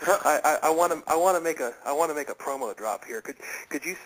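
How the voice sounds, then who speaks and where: A man hosting a casual radio interview, talking in halting, stammering restarts. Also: a little high, animated, rough recording. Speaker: radio show host.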